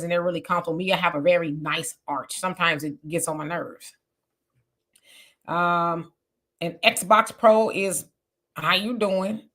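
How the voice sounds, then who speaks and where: A woman's voice: fairly high pitch, sharp tone. Woman in her fifties, livestream co-host, chatty, reads comments aloud, casual talk. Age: 50s.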